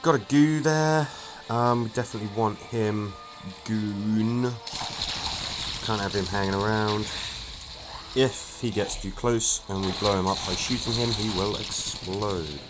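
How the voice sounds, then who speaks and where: A man's voice: on the low side, fairly even intonation, a little slow, very noisy. A man chatting casually as he plays a strategy game, thinking aloud with small restarts. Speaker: gaming streamer. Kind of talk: casual let's-play commentary. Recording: game music playing behind.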